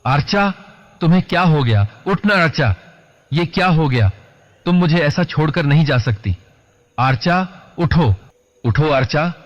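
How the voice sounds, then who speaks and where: A man's voice: on the low side, takes it slowly, long pauses, big-room sound. A man voicing a grief-stricken young man who wails desperately in a lo-fi recording. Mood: grieving. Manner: wailing, desperate. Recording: lo-fi dull recording.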